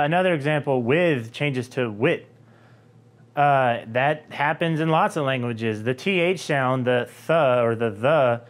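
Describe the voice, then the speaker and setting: A young man from Georgia with a light Southern accent, explaining a language topic to camera in a relaxed, conversational way with frequent fillers. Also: medium pitch. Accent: Southern US, softened. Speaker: linguistics video host.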